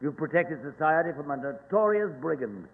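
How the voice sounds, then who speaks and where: An actor with a British accent playing a blustering police inspector in a 1940s radio drama, formal and wordy. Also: male voice, fairly high pitch, big pitch swings, moderate pace, breathy edge, exaggerated voice. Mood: formal, conceding. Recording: narrow, reverberant old radio recording.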